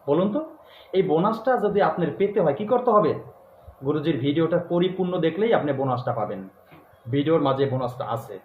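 Guy guru teaching mantras, slow and repetitive, echoey room with faint hiss. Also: a little high. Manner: slow, repetitive, emphatic, chants the mantra in drawn-out cadence. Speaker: spiritual guru giving mantras. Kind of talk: instructional spiritual talk to viewers. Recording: echoey, tinny phone-like sound with faint noise.

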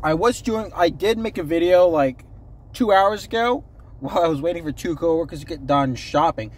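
A man's voice: a little high, animated, normal speed. A young man chatting casually to his phone camera from a parked car, rambling with lots of ums and self-corrections. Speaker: vlogger. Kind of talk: casual unscripted chat to camera.

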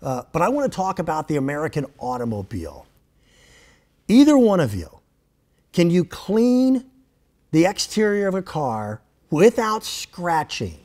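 A man in his fifties playing a composed TV debate moderator, measured and mock-solemn, stretching words for emphasis. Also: fairly high pitch, huge pitch swings, darkish tone. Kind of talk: mock news debate hosting. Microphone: lapel mic.

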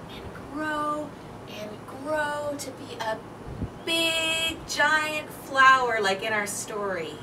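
On an apartment balcony, a high-pitched woman in her thirties reads a picture book aloud to young children, drawing them in with an animated, deliberate style. The camera mic sits a few feet off, so the sound is distant and carries outdoor ambient noise.

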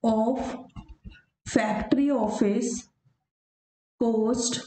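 A woman teacher with a mellow, fairly high voice talks through a worked problem over her notes. She poses questions and answers them herself, and she slows down to read the question word by word. The sound carries a roomy echo. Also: steady tone. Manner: reads the question slowly, then explains step by step. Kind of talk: lesson over handwritten notes. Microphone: voice-over of screen notes.

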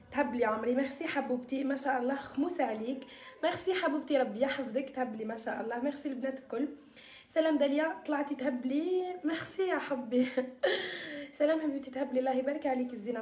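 A woman's voice: high voice, roomy sound, a little hiss or hum. A woman with an Algerian accent hosting a casual live stream, chatting and greeting viewers and sprinkling French words into her talk. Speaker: live-stream host selling beauty mixtures.

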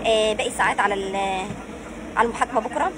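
A woman's voice: medium pitch, rapid-fire. A young Egyptian woman giving a reassuring, hesitant phone update from a train, with many fillers. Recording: train noise and chatter.

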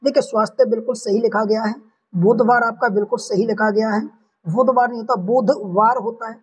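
A man's voice: sits high, little pitch movement, fast talker, breathy edge, distant mic, poor audio. A man teaching an online exam-prep language lesson, walking through each answer option step by step and repeating the correct ones. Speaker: Hindi exam tutor.

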